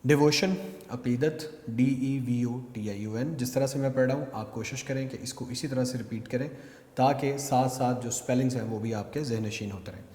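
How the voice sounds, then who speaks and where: A man's voice: medium pitch, normal speed, a little mellow. A man with a Pakistani accent teaching a class, spelling out words letter by letter and explaining them in Urdu. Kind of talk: recorded classroom lecture. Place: classroom with whiteboard. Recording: echoey room with long reverb.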